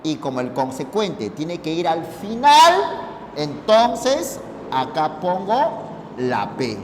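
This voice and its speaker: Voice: medium pitch, big pitch swings, takes it slowly, big-room sound, slight background noise. A teacher giving a logic lesson, explaining each step and often checking that the students follow. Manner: addresses listeners informally, pointing at the board.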